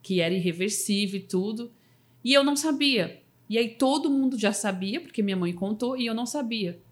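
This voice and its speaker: A woman's voice: on the high side, lively intonation, a little fast. Woman, podcast guest, heartfelt storytelling, casual fillers. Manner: emotional storytelling, restarts and fillers like "sabe assim". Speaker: podcast guest, motivational speaker. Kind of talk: personal story in casual interview.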